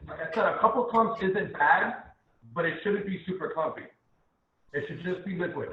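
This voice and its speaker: A man's voice: sits high, moderate pace. A man teaching a live online cooking class over a video call, patiently walking through each step and repeating it. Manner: instructive, repeats steps patiently. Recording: tinny phone-like line, echoey room.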